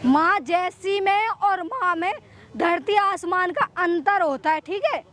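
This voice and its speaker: A woman plays a greedy, bullying young daughter-in-law in a staged street skit. She scolds in a very high voice, hammering the same threats and commands over and over. Faint noise of the open air by a river. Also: slow pace, a bit bright, exaggerated voice. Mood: threatening. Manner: scolding, threatening, repeating orders. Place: outdoors by a river.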